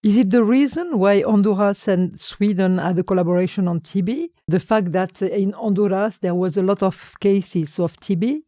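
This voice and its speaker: Mellow-voiced woman hosting a podcast. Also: mid-range voice, dry recording, studio quality. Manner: measured, formal. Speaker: podcast host.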